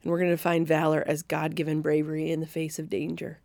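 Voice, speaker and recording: A woman leading a faith-based podcast discussion, earnest and reflective with gentle emphasis. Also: deep voice, monotone, fast talker, creaky, dry recording. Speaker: Bible study discussion leader.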